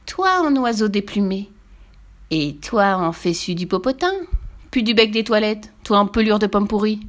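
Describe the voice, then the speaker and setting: A woman's voice: medium pitch, animated, moderate pace, close to an everyday voice. A woman voicing a spiteful, bickering witch who hurls silly rhyming insults in a storybook reading. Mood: mocking, spiteful. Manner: spits silly insults in rhymes.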